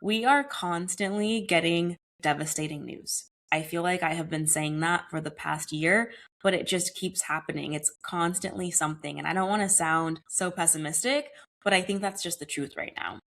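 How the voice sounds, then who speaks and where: A young adult woman hosting her wellness podcast alone, talking in an earnest, conversational way, her voice a bit raspy from a recent cold. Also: fairly low pitch, normal speed, a bit bright. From United States. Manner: earnest, conversational, uses casual "y'all" and "like". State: slightly hoarse from a cold. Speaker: podcast host. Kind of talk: solo wellness podcast monologue.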